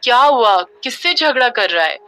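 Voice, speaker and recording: A woman's voice: fairly high pitch, lively intonation, moderate pace, sharp tone, soft background music. Brief: easygoing young man, worried about his friend, storybook drama, read by a woman. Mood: concerned. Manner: casual, familiar address.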